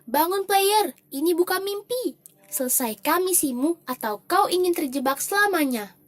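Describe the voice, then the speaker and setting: A woman's voice: very high-pitched, animated, moderate pace. A woman voicing a disembodied female game guide who calls out urgent, insistent commands from nowhere. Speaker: voice actor. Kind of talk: amateur audio drama.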